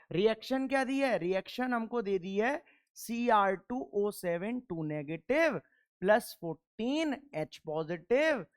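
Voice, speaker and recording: A man's voice: very high-pitched, clear, resonant tone. A male chemistry teacher lecturing through worked problems. He talks in a stern, emphatic way, fires questions at the class and answers them himself. He drives home each point by repeating it.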